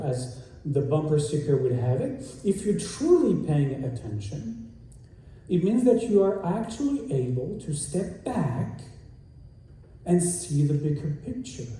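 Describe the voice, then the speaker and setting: A man giving a sermon as a guest rabbi, in an earnest, measured manner that repeats its key phrases. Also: fairly high pitch, dark tone, a little hiss or hum. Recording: echoey room, distant mic.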